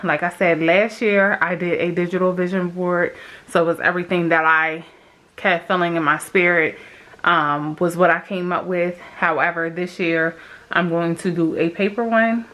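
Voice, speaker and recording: A woman's voice: lowish voice, a bit bright. A woman vlogging in casual, rambling chat to viewers, her speech slightly lisped from the retainers she is wearing.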